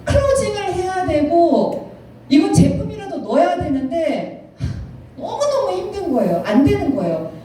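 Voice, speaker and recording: Animated woman telling her story in an echoey hall. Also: extremely high pitch, normal speed. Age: around 50. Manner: animated, emotional, often laughing while talking. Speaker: speaker giving a personal testimony. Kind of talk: storytelling talk to an audience with slides. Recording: very echoey hall, picked up from a distance, faint noise.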